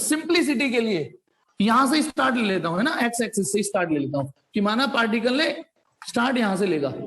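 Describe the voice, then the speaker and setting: Guy teaching physics online, kinda high voice, fond of his students, goes tik tik and dan tan. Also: fairly bright tone, rough recording. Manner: calls students "beta", quizzes them, adds playful sound effects. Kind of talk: live online class.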